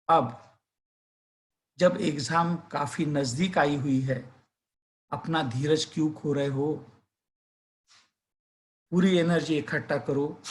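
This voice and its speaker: A male teacher telling a suspenseful story, then earnestly urging students to revise. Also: fairly high pitch. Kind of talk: storytelling and motivational advice to students.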